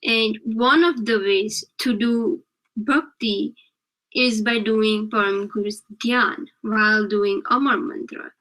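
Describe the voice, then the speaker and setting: A woman's voice: on the high side, fairly even intonation, slow pace, fairly bright tone, low-quality recording. A woman teaching an online religious class for children, patient and explanatory, often checking in with the group. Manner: patient, keeps checking with "right?". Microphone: video call.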